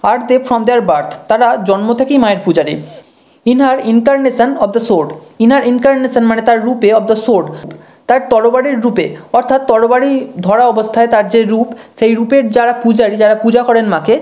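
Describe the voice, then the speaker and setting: A woman teacher giving a line-by-line lesson on a text. She reads each English line slowly, then glosses it quickly and patiently in Bengali. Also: a little high, warm tone. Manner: patient, explanatory.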